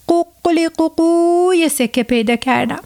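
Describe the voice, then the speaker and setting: A woman voicing a clever, boastful male rooster who crows loudly in a storybook tale for children. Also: very high voice, faint music behind, pitched above the performer's own voice. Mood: crowing, boastful. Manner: loud crowing sing-song.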